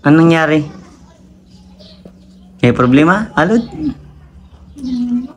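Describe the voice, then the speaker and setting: A man hosting a charity vlog outdoors, greeting viewers and gently questioning a family. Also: fairly high pitch, big pitch swings, slow pace, slight background noise. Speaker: vlogger doing charity visits. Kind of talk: casual vlog talk and interview. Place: outdoors at a rural home.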